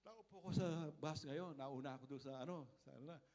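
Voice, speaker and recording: A man with a Filipino accent, a pastor preaching a sermon, telling stories with animated acted-out dialogue and laughter. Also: fairly high pitch, brisk. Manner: animated storytelling, acting out dialogue, frequent laughs. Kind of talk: sermon with storytelling.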